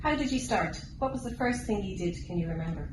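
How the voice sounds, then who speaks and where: A woman's voice: medium pitch, expressive, fast talker. A woman with an Irish accent asking informal, encouraging questions as an interviewer. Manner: encouraging, affirming answers. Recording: echoey room, distant mic, background noise.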